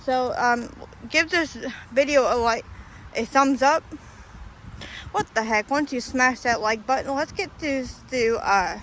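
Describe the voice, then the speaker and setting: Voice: high voice, unhurried, fairly bright tone, low-quality recording. A paranormal vlogger, out of breath, rambling and apologetic, talking casually to viewers outdoors. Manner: rambling, apologetic, restarts mid-sentence. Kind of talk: casual vlog talk to viewers. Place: outdoors in a hilly, windy graveyard. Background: faint wind noise.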